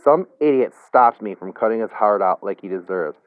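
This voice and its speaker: A man's voice: on the low side, expressive, normal speed, clear, resonant tone, dry recording, phone-quality sound, close to an everyday voice. A man voicing an angry young woman in a story, curt and mocking, set on revenge. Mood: bitter, furious.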